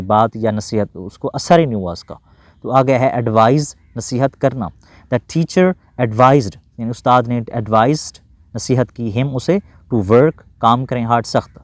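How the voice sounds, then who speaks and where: A man with a Pakistani Urdu accent teaching grammar, who reads example sentences slowly word by word and translates them, and otherwise explains briskly. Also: medium pitch, darkish tone, dry recording. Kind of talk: grammar lesson.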